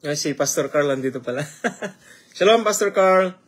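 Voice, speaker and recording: A man with a somewhat high, animated voice preaches a sermon at a moderate pace. He fires rhetorical questions at his listeners, mixes English phrases into his talk and greets viewers by name partway through.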